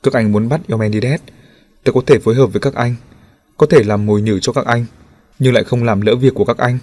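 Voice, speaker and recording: Sly hurt journalist in an audiobook, hoarse and weak, wheedling, as a male narrator reads him. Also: medium pitch, steady tone, a little fast, a little mellow, natural voice. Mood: weak pleading. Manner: pleading, ingratiating.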